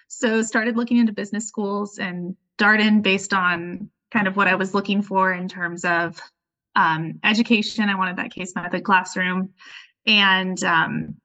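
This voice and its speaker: A woman's voice: medium pitch, fairly bright tone, dull audio. A woman in her late twenties from Southern California, a student guest talking in an upbeat, earnest way. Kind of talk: conversational interview.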